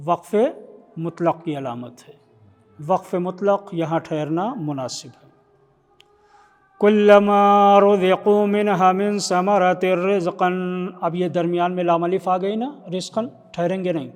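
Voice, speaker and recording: A man with an Indian Urdu accent, a maulana teaching Quran recitation rules. He explains, quizzes the listeners and breaks into slow melodic chanting. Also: on the high side, darkish tone, faint music behind. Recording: long reverb in a hall.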